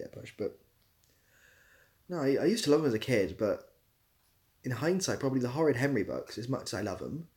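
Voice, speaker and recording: On a casual livestream, a young male host reads viewer comments aloud and answers in a dry, self-deprecating, rambling way. His voice is medium-pitched and a little mellow.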